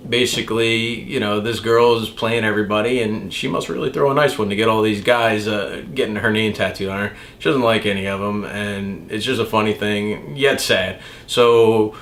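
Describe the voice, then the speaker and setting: A tattoo artist telling a rambling, profane story in a casual, chatty way. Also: male voice, on the low side, a bit bright, a little hiss or hum.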